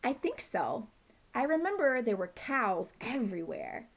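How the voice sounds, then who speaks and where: A woman voicing an excitable male dog who rants indignantly about squirrels, reading a children's book aloud. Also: on the high side, unhurried, a little hiss or hum, pitched above the performer's own voice.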